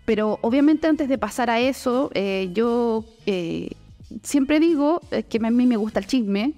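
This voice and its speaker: A Chilean woman in her forties hosts a studio podcast with a friendly, laughing manner and plenty of fillers. Her voice runs somewhat high, close on a boom mic, with faint music playing under the talk. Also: animated, measured pace, muffled recording. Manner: warm friendly interviewer, laughs often, many fillers. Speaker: podcast host, journalist. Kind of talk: casual conversational interview. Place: podcast studio office, indoors.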